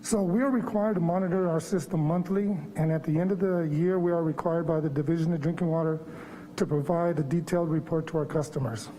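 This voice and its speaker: Mellow man presenting through a face mask. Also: on the high side, fairly even intonation, a little fast, slight background noise. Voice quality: slightly muffled, speaking through a face mask. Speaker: water quality manager presenting. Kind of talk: formal staff presentation. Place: public board meeting room.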